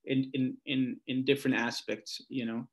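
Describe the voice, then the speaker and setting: A casual guest musician and singer-songwriter from Buenos Aires, Argentina, chats informally in an interview. His mid-range voice is flat and moderately paced, and he tells stories, often saying "like" and "you know".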